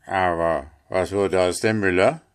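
A man voicing a quarrelsome male water rat in a storybook reading, shrill and indignant, shouting. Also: a little slow, smooth.

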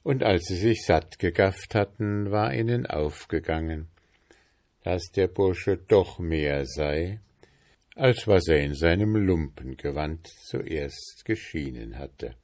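A man reading a fairy tale aloud as narrator, in an unhurried storytelling manner. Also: low-pitched, animated, a little mellow.

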